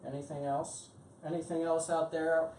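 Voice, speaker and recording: A low-pitched American woman leads an English class, encouraging her students with plenty of ums. She sounds a bit far from the mic, in an echoey room with a faint hum behind her. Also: level tone, normal speed, mellow. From United States. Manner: encouraging, lots of um and mm-hmm. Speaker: English teacher hosting a live lesson. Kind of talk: interactive language lesson.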